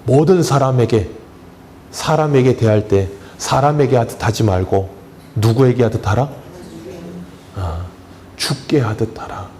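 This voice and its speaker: A man's voice: medium pitch, unhurried, pauses often, a little mellow, slight background noise. A man who is a pastor, preaching a sermon in a church in a plain, conversational way. He keeps asking the congregation questions and then answers them himself, with touches of humor. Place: church sanctuary.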